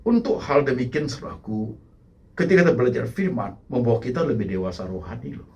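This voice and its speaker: A middle-aged man preaching a sermon as pastor, often dropping English phrases into his talk and swinging between loud emphatic climbs and quiet asides. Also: mid-range voice, lively intonation, fast. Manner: repeats "saudaraku" to address the congregation.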